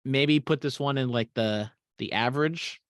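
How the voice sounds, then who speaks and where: A man co-hosts a podcast in a relaxed chat, with plenty of swearing and sentences that fade into mumbles. His mid-range voice moves at normal speed and sounds a bit bright, recorded in a clean studio with no echo.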